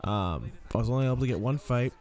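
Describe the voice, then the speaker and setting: A man's voice: mid-range voice, animated, quick pace, darkish tone. A young man hosting a gaming channel, rambling tiredly and casually through his game commentary, swearing now and then and yawning. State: sleepy, yawning.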